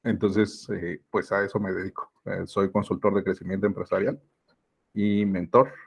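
A man's voice: deep voice, steady tone, moderate pace, gravelly, breathy edge. A man from Mexico City with a Mexican accent, a podcast guest who talks in a reflective, hesitant way with many fillers. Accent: Mexican Spanish. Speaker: podcast guest, business mentor. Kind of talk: casual conversation.

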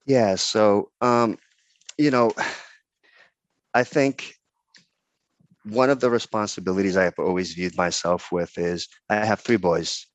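A middle-aged man with a very low, deep voice answers interview questions in an earnest, halting way. He pauses often and restarts his sentences. The sound is close and dry, with no room around it. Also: steady tone, dry recording. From Dominican Republic. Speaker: interview guest. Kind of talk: casual interview.

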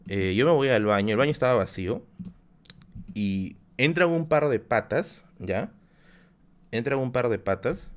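A man's voice: medium pitch, clear, resonant tone. A man with a Peruvian accent telling a story on a live stream in a casual, slangy, self-mocking way. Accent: Peruvian Spanish. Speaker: livestreamer telling stories.

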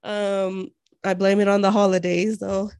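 A woman's voice: mid-range voice, little pitch movement, a little slow, darkish tone, smooth, no room sound, clean studio sound. A woman co-hosting a podcast in casual chat, a little congested from a cold, bubbly and laughing often. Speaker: podcast co-host. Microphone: remote call.

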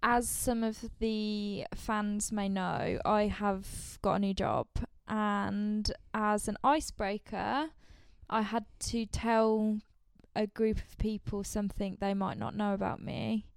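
A woman's voice: mid-range voice, steady tone, takes it slowly, gravelly, few pauses, clear, resonant tone, no echo, studio quality. A woman co-hosting a podcast, chatty, easily amused and encouraging in casual chat. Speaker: podcast co-host.

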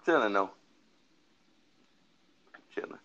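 A man's voice: slow, sharp tone, lo-fi sound. A tired young man co-hosting a casual late-night chat, laid-back and hedging as he talks. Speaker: co-host.

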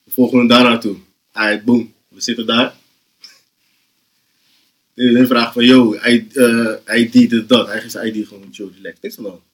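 A young man, telling an animated, slang-heavy story on a casual podcast and often laughing. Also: medium pitch, moderate pace, pauses often. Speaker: podcast host.

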